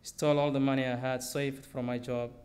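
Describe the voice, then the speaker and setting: A man's voice: mid-range voice, flat delivery, brisk, a little mellow. Young man reading his story. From Somalia. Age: young adult. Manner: reads steadily from notes at a lectern, simple phrasing. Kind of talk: personal story read aloud on stage. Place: theater auditorium stage. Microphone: podium microphone.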